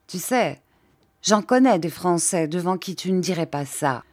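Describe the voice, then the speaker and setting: A woman's voice: fairly low pitch, expressive, measured pace, darkish tone, no echo, clean studio sound. A woman voicing a fierce young woman who answers with vehement, defiant anger. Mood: indignant defiance.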